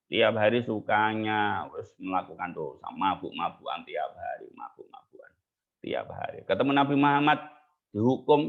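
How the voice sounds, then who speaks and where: A religious teacher with a lowish, gravelly voice delivers a storytelling sermon in a casual, chatty style, mixing in local words. The sound is tinny, like a phone line.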